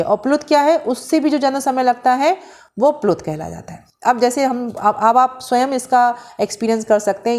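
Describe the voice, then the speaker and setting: A woman lecturing on grammar in a somewhat high voice. She talks her students through her notes step by step, posing a question and then answering it. When she demonstrates sounds, she draws out the vowels clearly. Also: a little mellow. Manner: explains slowly, often asks and answers her own questions; mixes Hindi with English terms. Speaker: Sanskrit teacher. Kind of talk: lecture explaining handwritten notes.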